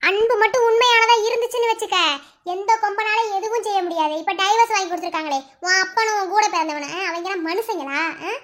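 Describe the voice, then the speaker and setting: A woman's voice: very high voice, fast talker. A woman voicing a fierce, outspoken married sister-in-law who scolds and lectures in a Madurai Tamil accent. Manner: scolding, lecturing, sharp-tongued.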